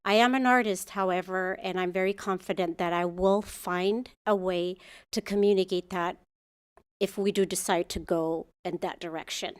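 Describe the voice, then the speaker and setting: Woman with Ethiopian accent, muralist, earnest, halting, restarts sentences. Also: on the low side, steady tone, clear, resonant tone. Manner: earnest, searching for words, many restarts. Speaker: muralist at a public commission meeting. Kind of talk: public comment at a meeting. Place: city council chamber.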